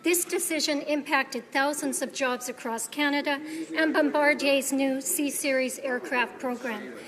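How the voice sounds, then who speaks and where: A woman's voice: sits high, fairly even intonation, a little slow, a bit bright. A woman who is an opposition member of parliament, delivering a prepared formal question. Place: large legislative chamber. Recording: echoey hall, crowd behind.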